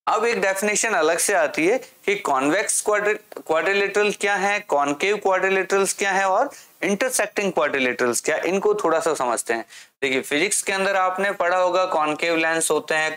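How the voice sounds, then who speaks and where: This classroom maths explanation comes from a man whose voice is a little high and a bit bright. He works by questioning and self-answering, reading out English at a slow pace.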